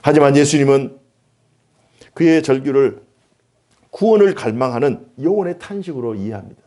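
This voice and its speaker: A man's voice: mid-range voice, animated, moderate pace, warm tone. A man preaching a sermon as pastor in a church, driving his points home with repeated, building phrases. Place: church sanctuary.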